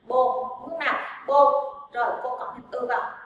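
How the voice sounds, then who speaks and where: High-voiced woman teaching in an echoey room. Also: normal speed, far from the mic, phone-quality sound, a little hiss or hum. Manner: lively, drills examples aloud, asks rhetorical questions. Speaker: Japanese language teacher. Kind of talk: classroom grammar lesson.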